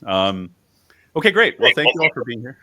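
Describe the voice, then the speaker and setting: A man's voice: medium pitch, big pitch swings, brisk, bright, forceful tone, no room sound, studio quality. A man hosting a panel discussion in a casual, joking, self-deprecating way. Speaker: podcast host and panel moderator.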